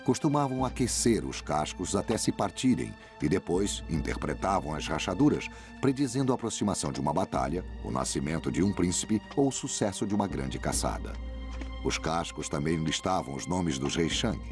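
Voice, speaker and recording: A man's voice: low voice, very animated, normal speed. A man with a Brazilian accent reads scripted documentary narration in a grave, dramatic, epic storytelling manner. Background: prominent music.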